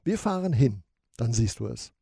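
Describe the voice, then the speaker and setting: A man voicing a sensible young male sidekick in a storybook, quick and matter-of-fact. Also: medium pitch, sing-song, gravelly, mellow, husky, dry recording, studio quality, heavily acted.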